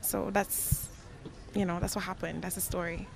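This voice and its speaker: In an interview, a young Jamaican-accented gospel singer reflects sincerely on her personal testimony. She speaks at a normal pace in a fairly low, creaky voice with a level tone, and the noisy setting adds ambient sound.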